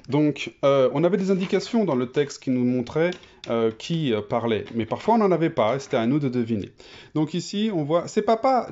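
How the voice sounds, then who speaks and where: Patient French-speaking male teacher, lively. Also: mid-range voice, muffled recording. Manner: patient, explaining step by step with many fillers. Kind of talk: reading lesson for children.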